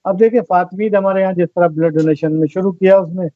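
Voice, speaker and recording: A man with a notably high voice talks earnestly as an interview guest, reflecting and illustrating his points with examples. The sound is dry and close, with a slightly dull, muffled tone. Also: fairly even intonation, quick pace, no room sound. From Pakistan. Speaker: guest, volunteer organizer. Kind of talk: conversational interview talk.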